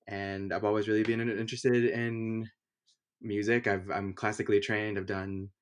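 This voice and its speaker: A man's voice: fairly low pitch, moderate pace, clear, resonant tone. A young man from Honduras, a music producer, talking casually in an interview with plenty of fillers and restarts. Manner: relaxed, rambling with many fillers. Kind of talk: conversational interview.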